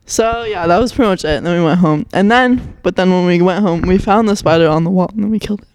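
Halting laid-back teenage girl. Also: fairly low pitch, darkish tone, dry recording. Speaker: podcast co-host. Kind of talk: casual storytelling chat.

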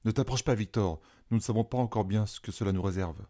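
A man's voice: on the low side, quick pace, warm tone, natural voice. A man voicing a cautious, formal science professor leading an expedition. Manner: earnest, formal. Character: older male science professor, cautious leader.

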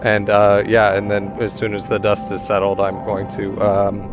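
A man's voice: on the low side, monotone, normal speed. A man playing a tabletop game, laid-back and joking, swearing casually as he says what his character does. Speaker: player. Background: background music.

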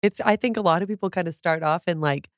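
A woman's voice: fairly low pitch, quick pace, no room sound, studio quality. A woman in her thirties, a cookbook author, chatting casually as an interview guest, upbeat and sprinkling her talk with "like". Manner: chatty and upbeat, heavy use of "like".

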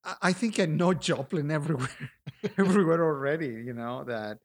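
His voice a little high, a middle-aged Peruvian-accented artist answers a relaxed interview in a reflective, halting way, with many restarts.

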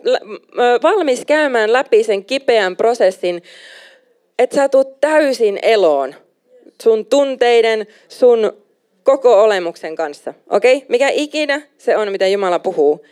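A young adult woman preaching a sermon, emphatic and animated, slipping in English phrases now and then. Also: a little high, clean tone.

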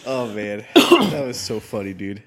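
A man co-hosts a relaxed podcast with a stuffy, congested voice. He speaks a bit low and jokes along with easygoing asides. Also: measured pace. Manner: joking, easygoing. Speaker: podcast co-host. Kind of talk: casual chat.

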